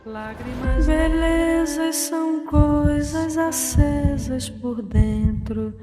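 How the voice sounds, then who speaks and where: Slow, reverberant Brazilian woman reciting verse. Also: high voice. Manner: drawn-out, solemn delivery. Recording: long reverb over loud music. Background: loud music.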